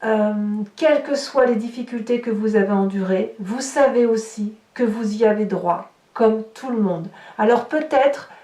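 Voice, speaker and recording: Speaking at a moderate pace with few pauses, a woman with a dark, high-leaning voice delivers an off-the-cuff tarot reading to her audience. She's a tarot reader and horoscope host who explains as she goes and gropes aloud for words; the mic is distant and the room echoes.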